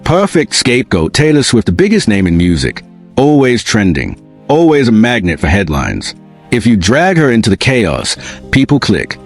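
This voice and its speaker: A man's voice: on the low side, wildly swooping pitch, moderate pace, faint music behind. A man reading scripted commentary in short, clipped phrases that build suspense, speaking straight to his viewers. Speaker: commentary narrator. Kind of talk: scripted dramatic narration.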